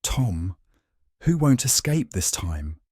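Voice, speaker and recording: A frightened young woman in a spoken mystery story, anxious and halting, as the male narrator reads her lines. Her voice sits only a little above his own low, husky tone. The recording is close and dry. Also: big pitch swings, darkish tone, no room sound, full character voice.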